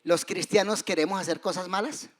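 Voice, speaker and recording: Man, pastor, fervent sermon, fairly high voice, loud rises and soft drops. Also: brisk.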